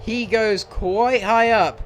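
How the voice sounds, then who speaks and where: A young gaming YouTuber with a voice that sits high delivers breathless, urgent play-by-play of his racing game, narrating each move as it happens, in a steady tone at a slow pace. Game music plays clearly behind him, a crowd can be heard in the background, and the recording is rough.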